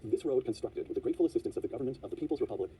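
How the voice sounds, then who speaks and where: A man's voice: mid-range voice, lively intonation, racing, dark tone, far from the mic, a little hiss or hum. A man hosting an interview, asking probing questions, reading quotations aloud and cutting in often. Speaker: interview host.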